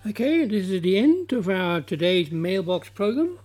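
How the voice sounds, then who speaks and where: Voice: medium pitch, big pitch swings, moderate pace, music in the background. A radio host with a Mongolian accent, reading a scripted programme sign-off.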